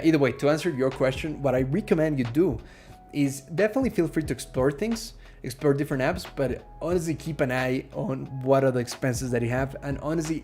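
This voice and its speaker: Soft music drifts faintly behind an Ecuadorian man hosting a casual live Q&A on stream. Chatty and at ease, he reads out what viewers ask and leans on lots of fillers like "um" and "uh." His voice has an everyday, middle pitch.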